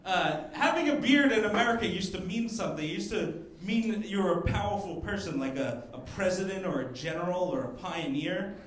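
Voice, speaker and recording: A young man doing a stand-up comedy set on a club stage, mixing crowd work and quick asides, speaking into a handheld mic. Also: sits high, animated, a little hiss or hum. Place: comedy club stage before a live audience. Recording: roomy live club sound with audience laughter.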